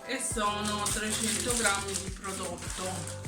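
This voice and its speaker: Lady doing a casual haul vlog, bit fluey, slow talker, roomy echo. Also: medium pitch, steady tone. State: getting over the flu. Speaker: vlogger presenting a grocery haul. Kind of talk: casual item-by-item shopping narration. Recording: roomy echo, distant mic, music behind. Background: music.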